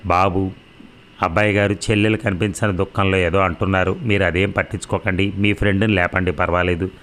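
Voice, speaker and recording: A man's voice: low voice, little pitch movement, a little fast, a bit bright. A man voicing an anxious, tired old landlord who speaks in a polite, pleading way in an audio story. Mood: worried pleading.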